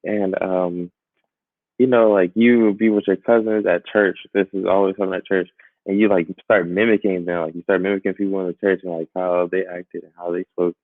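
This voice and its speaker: Young guy, chill and animated, sounds like a dry phone line. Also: sits low, brisk, no echo. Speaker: guest. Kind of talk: casual chat.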